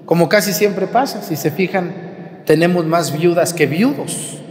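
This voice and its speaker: A man, a priest, giving a lively homily, retelling a Bible story and asking his listeners questions. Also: high voice, a little slow, big-room sound.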